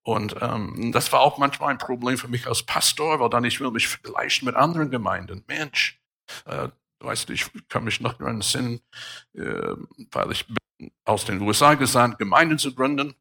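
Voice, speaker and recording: A middle-aged man, a pastor, preaching a sermon with emphatic, sudden loud rises. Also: mid-range voice, animated, moderate pace, vocal fry.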